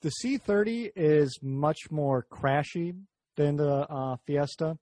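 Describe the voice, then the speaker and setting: A man's voice: a little high, slow, darkish tone, dry recording. Rambling jokey male car-talk host. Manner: rambling, jokey, self-interrupting. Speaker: podcast host. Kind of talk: casual car chat.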